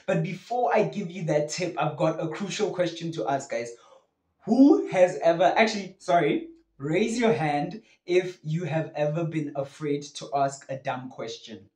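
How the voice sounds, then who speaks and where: A young man giving casual, chatty advice to students, often checking in with "right?". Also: a little high. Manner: chatty, animated, full of "right?" and "you feel me?". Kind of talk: casual advice talk to camera. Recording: echoey room.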